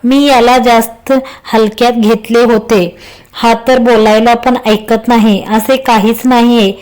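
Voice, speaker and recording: A woman's voice: fairly high pitch, little pitch movement, unhurried, darkish tone, close to an everyday voice. A woman voicing Girija, a flustered young woman in love. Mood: irritated. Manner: flustered and exasperated.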